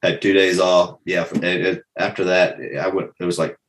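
A man in his fifties with a very deep voice talks as a guest in relaxed conversation. He tells animated stories, doubling up words as he finds his way into sentences. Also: moderate pace, a little hiss or hum. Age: 50s. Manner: animated storytelling, repeats words as he starts. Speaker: guest, self-defense instructor. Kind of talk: casual conversation.

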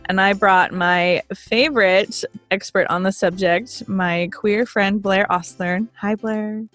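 A woman's voice: mid-range voice, fairly even intonation, slow, fairly bright tone, soft background music. A woman hosting a casual chat, bubbly and full of fillers like "like" and "uh", often laughing. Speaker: podcast host. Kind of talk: casual conversation.

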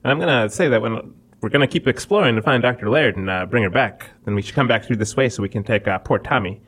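A man's voice: medium pitch, fast, fairly bright tone, breathy edge. A man playing a tabletop game, speaking eagerly in character. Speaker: player.

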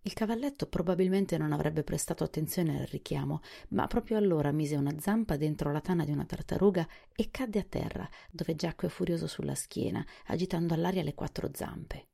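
A woman narrating a children's storybook in a calm, measured reading. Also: low-pitched, creaky.

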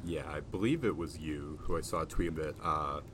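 A man hosting a sports podcast in a conversational way, with measured, wordy phrasing. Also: extremely low pitch, noisy background. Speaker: podcast host and sports reporter.

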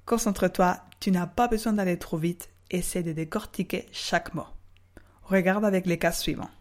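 A woman teaching Spanish on a podcast lesson, speaking slowly and drawing out model words for the listener to repeat. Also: fairly low pitch. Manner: slow, carefully spelled-out model words for repeating.

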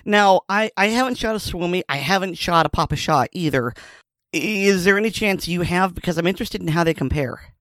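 A man hosting a podcast, joking and teasing his co-host in quick banter. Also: sits high, animated, fairly bright tone, dry recording. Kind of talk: casual podcast chat.

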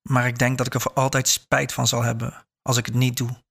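A man's voice: medium pitch, completely flat delivery, a little fast, vocal fry, fairly bright tone, slightly rough. A man reading a story aloud and voicing a nervous, stout businessman who stammers and hesitates. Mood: pleading.

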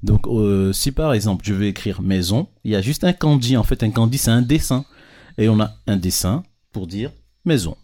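This man's dark, fairly low voice is animated and moderately paced as he casually teaches children over a handheld microphone. He explains with patience and checks their understanding through frequent questions.

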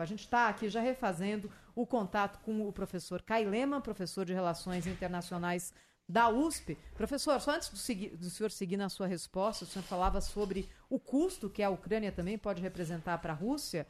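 A woman's voice: mid-range voice, a little fast. A woman with a Brazilian accent presenting live radio news as host, stressing and stretching key words.

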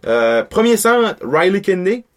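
Laid-back man, slightly high voice. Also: big pitch swings, measured pace. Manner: laid-back, short replies, lists picks. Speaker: podcast co-host. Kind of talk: casual hockey chat.

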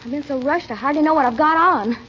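A woman playing a rushed, fussing young niece in a 1940s radio comedy. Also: high voice, dull audio, lightly acted. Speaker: niece of the lead. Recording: noisy 1940s radio recording.

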